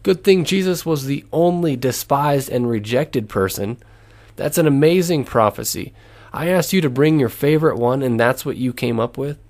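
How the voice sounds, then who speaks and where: A man's voice: medium pitch, normal speed, darkish tone, pitched above the performer's own voice, lightly acted. A man voicing a sarcastic male radio show host who mocks a caller. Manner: sarcastic, mocking.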